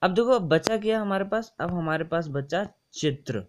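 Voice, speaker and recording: A young man walks viewers through exam answers in an easy, chatty way. His voice sits a little high, and he repeats points and checks in often while mixing English terms into his explanations. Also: lively intonation, normal speed, noisy background. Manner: chatty and repetitive, mixing English words into Hindi, often saying ठीक है. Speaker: exam coaching tutor. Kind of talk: casual screen-share lesson explaining test answers.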